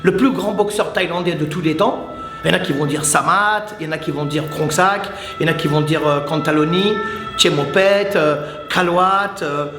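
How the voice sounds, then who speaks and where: Chatty guy hosting his channel, high voice, keeps repeating stuff to viewers, roomy echo. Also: normal speed, music in the background. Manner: chatty and enthusiastic, addresses viewers directly, repeats himself. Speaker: muay thai channel host. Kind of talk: casual talk to camera.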